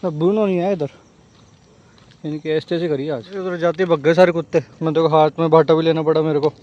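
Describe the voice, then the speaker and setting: राजस्थानी लहजे में बोलने वाला एक आदमी, जो फ़ोन कैमरे पर घर और सैर के दौरान अपने बच्चों के बारे में मज़ेदार, बातूनी अंदाज़ में व्लॉग कर रहा है।. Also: male voice, fairly high pitch, fairly even intonation, a little fast, dull audio. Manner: chatty, playful, talks to kids and viewers. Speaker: family vlogger and father. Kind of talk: casual vlog narration. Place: home, indoors; later outdoors on a walk.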